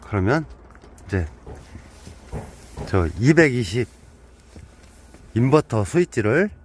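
A man's voice: mid-range voice, animated, slow pace, a little hiss or hum. A man giving a joking, chatty hands-on walkthrough of a camper van, counting steps aloud as he goes. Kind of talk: casual hands-on product walkthrough.

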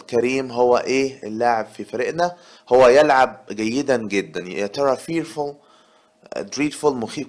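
A man with an Egyptian Arabic accent teaching English vocabulary. He reads example sentences slowly and then explains them in quick colloquial Arabic, asking many rhetorical questions. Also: medium pitch.

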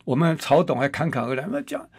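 A man rants through a radio commentary, his voice riding high and swinging widely in pitch. He scolds, mocks and piles up rhetorical questions, recorded close and dry in a studio. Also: big pitch swings, fast talker, vocal fry, a little mellow, husky, dry recording. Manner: combative, scolding, hurls insults and rhetorical questions. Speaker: radio talk show host. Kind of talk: political commentary monologue.

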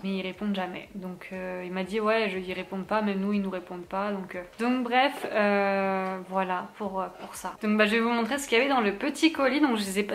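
A woman's voice: mid-range voice, a little hiss or hum. A young woman chatting casually through a shopping haul vlog at home, with many fillers and small laughs. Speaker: vlogger. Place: at home, moving to the kitchen.

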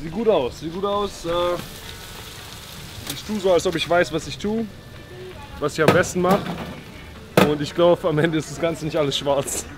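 A young man talking casually outdoors by a grill, switching between German and English in a relaxed way. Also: fairly high pitch, normal speed, long pauses, heavy background noise. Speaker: vlog host, football player. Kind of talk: casual chat.

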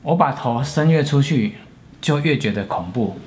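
A man's voice: medium pitch, lively intonation, darkish tone, slight background noise. Earnest Taiwanese man telling a personal story. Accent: Taiwanese Mandarin. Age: 40s. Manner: earnest, reflective, with frequent pauses and restarts. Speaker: storyteller, channel host.

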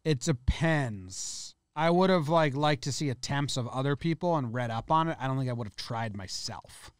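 A man's voice: medium pitch, lively intonation, moderate pace, clear, resonant tone, dry recording, studio quality. A man co-hosting a comedy history podcast, chatting jokily and reading notes aloud. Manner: jokey, self-deprecating, reads notes aloud. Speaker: podcast co-host.

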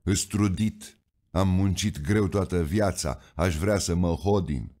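A man's voice: low-pitched, darkish tone, close to an everyday voice. A man voicing a stubborn, plainspoken old coal miner who pleads his case with earnest defiance. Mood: weary.

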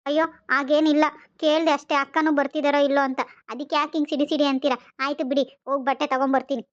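A woman's voice: high-pitched, little pitch movement, quick pace, close to an everyday voice. A woman playing a young wife who protests in a plaintive, melodramatic way, for an amateur family skit. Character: young wife, meek yet pointedly dramatic. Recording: slightly dull lo-fi sound.

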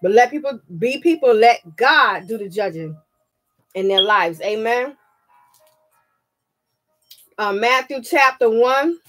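A fairly high-voiced woman preaches earnestly into her camera, punctuating her points with amens. Her throat is a little scratchy this morning. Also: lively intonation, slow, long pauses, a bit bright. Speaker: pastor. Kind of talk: sermon. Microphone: webcam. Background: music.

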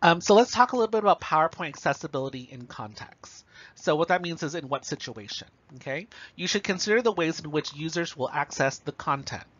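A man with a slightly higher voice delivers a recorded lecture, explaining each point plainly and checking in with "okay" and "right". The recording is a bit muffled and lo-fi. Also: expressive, a little fast, fairly bright tone.

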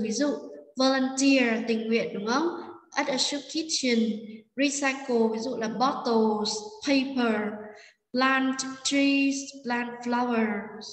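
A woman teacher walks through a lesson in a patient, step-by-step way, often checking in with her students. Her voice sits a little high and sounds set back from the mic. A roomy space with a long reverb trails after her words. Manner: patient, step-by-step explaining with frequent check-ins. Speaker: English teacher. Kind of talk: recorded classroom lesson explanation. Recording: echoey room, long reverb, voice distant from mic.

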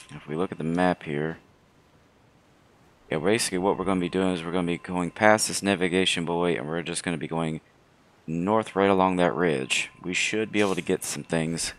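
Hoarse guy doing casual gaming commentary, deep low voice, no rush at all. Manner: low, unhurried delivery. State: hoarse from throat trouble. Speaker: gaming video host.

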